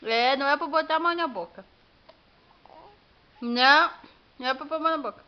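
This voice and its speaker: A woman's voice: high-pitched, brisk. A young Brazilian mother talks to her baby in coaxing, sing-song baby talk and keeps repeating short phrases. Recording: dull lo-fi home recording.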